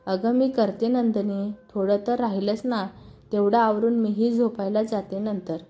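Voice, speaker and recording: A woman reading a storybook, voicing a gentle, caring older mother-in-law who coaxes kindly. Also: mid-range voice, fairly even intonation, unhurried, soft background music, natural voice. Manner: soft, kindly coaxing.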